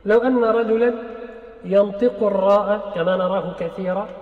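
A man's voice: high-pitched, fairly even intonation, moderate pace. A man teaching a classical religious law lesson, explaining patiently, repeating key phrases and acting out mispronounced sounds. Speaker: sheikh teaching Islamic law. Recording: roomy hall, muffled sound.

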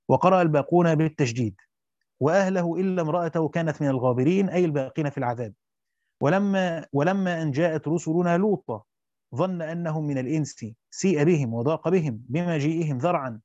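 A man with a slightly high but dark, mellow voice reads classical text at a brisk clip, breaking off into loose colloquial explanations. The sound is dry and somewhat dull, with no room around it. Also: dry recording. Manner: reads quickly in classical Arabic, then breaks into colloquial asides with restarts. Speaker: teacher reading through a Quran commentary. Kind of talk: reading a classical text aloud with spoken asides.

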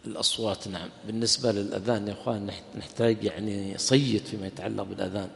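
A man's voice: on the low side, fairly even intonation, rapid-fire, creaky, in a large hall, a little hiss or hum. A man, a sheikh, giving a conversational religious lesson in a mosque, asking rhetorical questions and answering them himself, and now and then joking with his listeners. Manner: jokes and laughs with the audience. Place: mosque hall.

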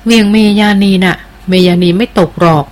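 A devoted jungle queen, earnest and deferential toward her mistress, as a woman reads her lines. Her voice sits at a middle pitch, read plainly from a storybook. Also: fairly quick, natural voice. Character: loyal, devoted jungle queen, respectful and cautious. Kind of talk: audiobook character reading.

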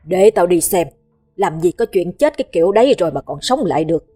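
A woman doing a gruff old village master. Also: on the low side, animated, brisk, mellow, faint music behind. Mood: threatening. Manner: barking, threatening.

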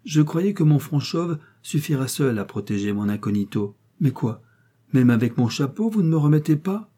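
A proud middle-aged gentleman who turns earnest and self-reproaching, as a man reads him. His voice is mellow and husky. He is a figure from a classic storybook. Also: on the high side, very animated, moderate pace, pitched above the performer's own voice. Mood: sly.

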